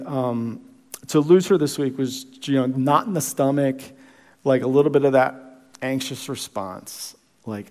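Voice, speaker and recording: A man's voice: mid-range voice, a little mellow, in a large hall. A man preaching a sermon as pastor, earnest and conversational, often restarting his words. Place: church sanctuary.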